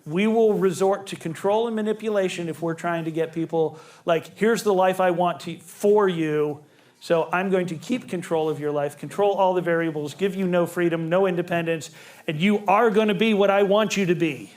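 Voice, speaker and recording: A man with a fairly high voice leads a family relationships seminar for a live group. He keeps it conversational and slips into short acted-out lines of dialogue to make his points. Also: moderate pace, darkish tone. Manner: conversational, acts out quoted dialogue.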